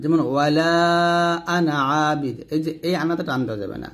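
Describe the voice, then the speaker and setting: A man teaching Quran recitation rules, explaining from a book and slowly chanting the example words. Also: fairly high pitch. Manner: points at the page while explaining.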